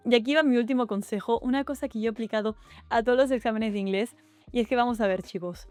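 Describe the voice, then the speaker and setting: A woman's voice: a little high, darkish tone, dry recording. A young Spanish woman with a Spanish accent, giving chatty, upbeat exam advice in a casual vlog. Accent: Spanish (Spain). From Spain. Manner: chatty and upbeat, with quick asides to the viewer. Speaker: YouTuber giving study-abroad and exam advice. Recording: faint music behind the voice.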